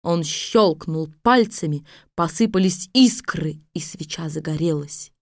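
A woman narrating a fairy tale in a calm, even storytelling manner. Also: deep voice, unhurried, no room sound, studio quality.

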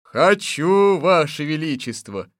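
A man voicing an eager, servile male palace servant who answers in loud, dutiful replies. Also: on the high side, animated, slow pace, no room sound, studio quality, pitched above the performer's own voice.

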